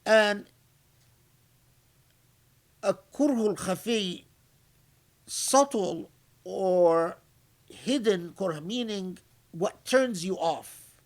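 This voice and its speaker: A man giving an unscripted religious lecture, reflective and halting, often restarting his sentences and reciting short Arabic phrases before explaining them in English. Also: high-pitched, animated. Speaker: scholar giving Quran commentary.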